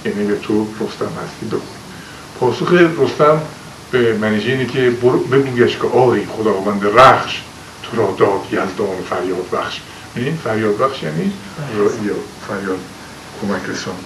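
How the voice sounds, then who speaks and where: A man's voice: lowish voice, a bit bright. A male teacher leads a poetry lecture, patiently unpacking old words and lifting his voice to declaim the verses. He sits far from the mic in a roomy, echoing space. A faint hiss runs under his voice.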